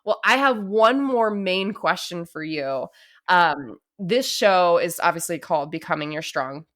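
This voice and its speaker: Encouraging woman podcast host, lowish voice. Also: expressive, a little slow. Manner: warm, encouraging, many "like"s. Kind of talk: casual interview chat.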